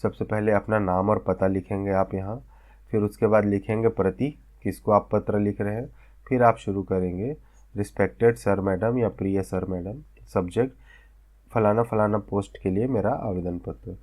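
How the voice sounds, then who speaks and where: Lower-pitched male instructor, step by step. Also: fairly even intonation, moderate pace, a little mellow. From India. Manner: explains step by step, often checks with "theek hai?". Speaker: vocational instructor. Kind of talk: classroom lecture.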